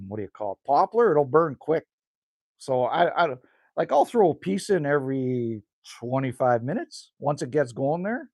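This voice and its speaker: A man in his 50s with a mid-range, darkish voice hosts a livestream outdoors by a rural cabin, reading chat and rambling casually with viewers. The audio is studio quality with no echo.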